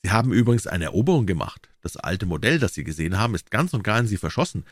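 A man's voice: on the low side, sing-song, rapid-fire, dry recording, clean studio sound. A man voicing a worldly male painter who teases his friend, in a droll, lightly mocking way, in a storybook reading. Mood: amused.

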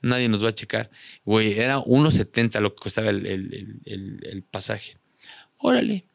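A man's voice: on the low side, animated, normal speed, vocal fry, dry recording, studio quality. A young man with a Mexican Spanish accent tells a story to a podcast host in a casual, slangy way and acts out the voices of the people in it. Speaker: podcast guest.

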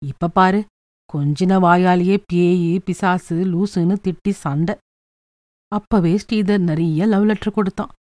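A woman's voice: on the low side, steady tone, measured pace, dark tone, dry recording, studio quality, lightly acted. A woman voicing a frustrated young married woman who complains in a sulky, exasperated way in a storybook reading.

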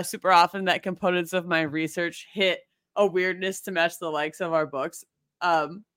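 Woman co-host, casual rambling research chat, laughs a lot, crisp dry close mic. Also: on the low side, a bit bright, no room sound. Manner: giggly, rambling, self-deprecating. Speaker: podcast co-host presenting research.

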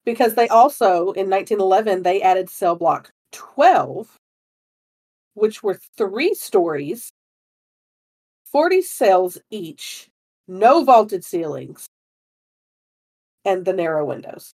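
A woman's voice: mid-range voice, expressive, takes it slowly, long pauses, a little mellow. Giggly woman telling a story casually. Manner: rambling, breaks into giggles often. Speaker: podcast co-host.

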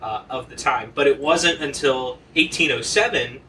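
A man's voice: medium pitch, moderate pace. A man hosting a casual podcast chat, explaining things with fillers and easy laughs. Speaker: podcast host. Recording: distant mic with faint noise.

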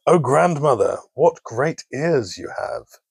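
A sweet, innocent little storybook girl, as a male narrator puts her on, lifted higher than his usual voice but still with a faint rasp underneath. The sound is close and dry. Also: big pitch swings, takes it slowly, dry recording, exaggerated voice.

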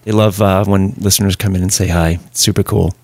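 A man's voice: deep voice, level tone, fairly quick, dry recording. A man hosting a podcast, chatting in an easygoing, storytelling way. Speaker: podcast host. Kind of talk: casual podcast chat.

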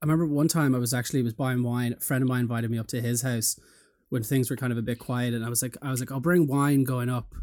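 A man's voice: mid-range voice, fairly even intonation, racing, a little mellow. Young Irish man, casual interviewer. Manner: informal, jokey.

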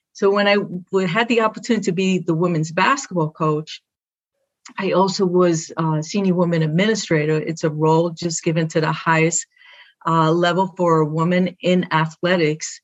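Recorded with lo-fi sound, this fairly low-pitched middle-aged woman has a Brooklyn New York accent and comes from Brooklyn. She's the guest in a conversational interview, speaking in short phrases, proud and upbeat, about her athletic director work.

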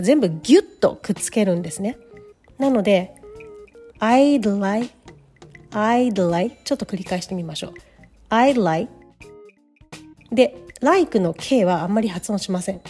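A woman's voice: on the high side, dark tone. A woman teaching English pronunciation, patiently demonstrating each sound step by step, with faint music behind her.

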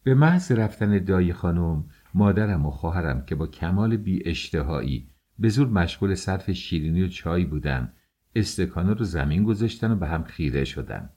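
A man's voice: low-pitched, lively intonation, dark tone, breathy edge. A man reading a novel aloud as an audiobook narrator, telling the story expressively. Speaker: audiobook reader.

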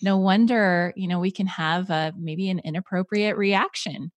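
A woman with a fairly low voice interviews a guest, answering him with affirming and reflective remarks. Her voice sounds dry and close. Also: steady tone, normal speed, no room sound. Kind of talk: interview conversation.

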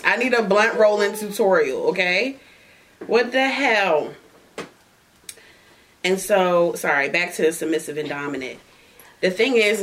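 A woman's voice: on the low side, a bit bright. A woman hosting a casual chat while smoking, bawdy and playful, laughing often. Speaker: podcast host.

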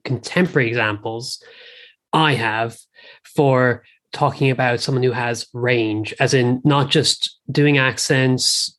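A man's voice: medium pitch, steady tone, takes it slowly, fairly bright tone. A man from Ireland with an Irish accent, talking informally as a guest in a casual film discussion, often saying "like". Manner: informal, peppered with "like". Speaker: podcast guest.

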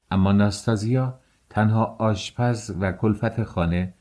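A man reading a classic novel aloud as an audiobook narrator, in a measured, expressive way. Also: lowish voice. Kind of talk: scripted literary narration.

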